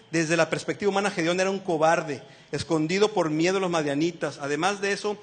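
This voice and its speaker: Animated high-voiced male preacher. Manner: animated, asks the congregation questions; acts out quoted lines in shifting voices. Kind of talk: sermon.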